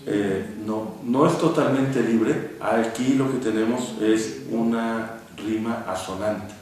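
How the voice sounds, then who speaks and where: A man lecturing in a classroom, speaking at an unhurried pace and sounding out each vowel with patience. He is picked up from across a very echoey room, with a faint hum behind him. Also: medium pitch, a little mellow, far from the mic. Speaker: poetry teacher. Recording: echoey room, recorded from afar.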